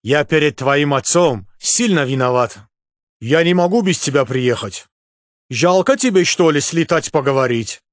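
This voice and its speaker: A man voicing a calm, laconic man from Baku with an Azerbaijani accent and terse, unhurried phrasing. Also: fairly high pitch, dry recording, studio quality, pitched above the performer's own voice.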